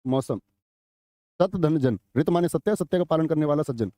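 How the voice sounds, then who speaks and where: A man's voice: a little high, animated, moderate pace, mellow, dry recording, studio quality. A man teaching a live online exam-prep class, chatty, quizzing students and reading their chat comments aloud. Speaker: Hindi teacher.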